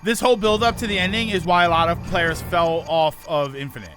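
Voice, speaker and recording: A man's voice: a little high, fairly even intonation, a little fast, a crowd in the background. A man streaming a game, giving casual live commentary and reacting aloud.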